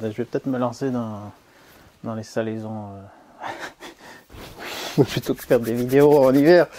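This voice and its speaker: A man's voice: mid-range voice, darkish tone. A French man hosting a DIY video, talking casually to camera in a cold garage, chatty and self-mocking as he rambles along.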